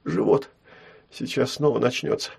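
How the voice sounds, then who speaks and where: A man voicing a frightened young girl who speaks softly and tearfully. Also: mid-range voice, moderate pace, gravelly, husky, full character voice. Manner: soft, tearful.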